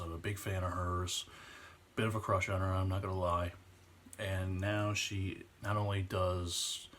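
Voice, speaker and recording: Earnest young man, lowish voice. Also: a bit bright, slight background noise. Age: 20s. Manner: earnest, emotional, slows down on heavy points. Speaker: vlogger. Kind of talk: impassioned personal vlog rant.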